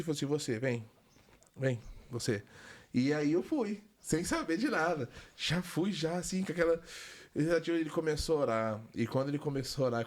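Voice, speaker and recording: A young adult man telling a personal story in a conversational way, animated and acting out the voices of the people in it. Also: fairly high pitch. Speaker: guest giving a testimony.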